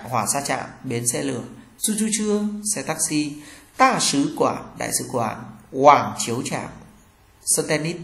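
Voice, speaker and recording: A Vietnamese man gives a language lesson at a middle pitch. He reads each example aloud and then translates it. His voice rings a little in a roomy space. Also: vocal fry, a bit bright. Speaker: Chinese language teacher.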